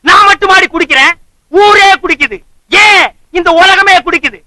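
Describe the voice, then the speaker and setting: A broke, boastful drunkard of a husband, all sarcasm and loud mockery in a film comedy. His voice sits very high and sounds intensely bright and sharp, with a dry, close sound. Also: moderate pace, no echo, full character voice, poor audio. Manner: sarcastic, mocking, loud insults. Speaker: comic actor.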